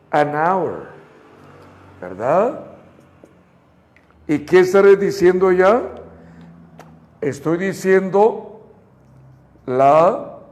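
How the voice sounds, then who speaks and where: A man's voice: sits high, a little mellow. A male English teacher with a Mexican Spanish accent, coaching students through repetition drills in a live online class. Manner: stretches English model phrases slowly.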